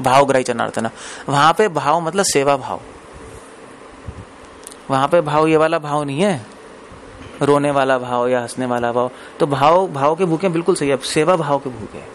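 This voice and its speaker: Male preacher, slightly raised pitch, chatty lecture tone that keeps asking the room questions, faint hiss behind. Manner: conversational, asks the audience questions; mixes English phrases into Hindi. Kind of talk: Hindi scripture discourse.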